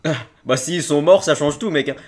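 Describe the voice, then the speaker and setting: A man with a French accent doing casual reaction commentary, excitable and slangy, with loud outbursts. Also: on the high side, moderate pace, slight background noise. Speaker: video reactor host.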